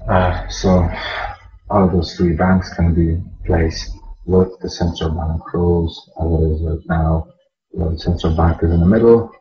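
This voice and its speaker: Very deep, flat-pitched Eastern European man. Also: unhurried. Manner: conversational, step-by-step explaining. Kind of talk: casual explanatory narration. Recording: dull lo-fi audio with music.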